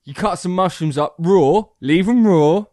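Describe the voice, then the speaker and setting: Man, young, drunk and rambling, slightly high voice, dry close mic. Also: a little slow, dark tone, no echo. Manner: rambling, joking, laughs often. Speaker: podcast co-host. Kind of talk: drunk casual chat.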